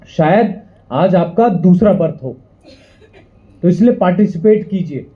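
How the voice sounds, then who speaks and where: A young man with a high voice works a seminar crowd, firing questions and making them echo his lines back. The sound is thin and tinny, like it came over a phone line. He keeps up a rousing, punchy delivery. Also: lively intonation, unhurried. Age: young adult. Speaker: motivational speaker. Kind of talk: motivational seminar speech. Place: event hall with a live audience.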